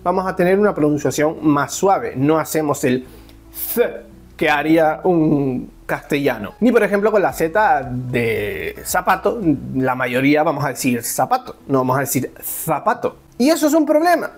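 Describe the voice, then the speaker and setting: A man from Spain, talking casually to camera as a vlogger, animated and jokey with big swings in his voice. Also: moderate pace. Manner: animated, with big pitch swings and joking asides. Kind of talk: casual explanatory vlog.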